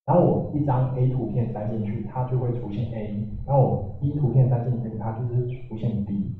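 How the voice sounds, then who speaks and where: A man giving a technical talk at a meetup, halting, with many fillers and restarts. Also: medium pitch. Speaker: meetup speaker. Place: meetup room. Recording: echoey room, far from mic, tinny.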